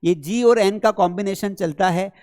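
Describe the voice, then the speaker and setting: A man teaching an English spelling lesson, lively and chatty, asking and answering his own questions as he explains. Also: high voice, moderate pace.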